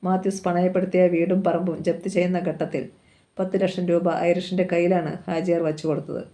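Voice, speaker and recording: A woman reading a novel aloud in a calm, even voice. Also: fairly low pitch, a little fast. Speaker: novel reader.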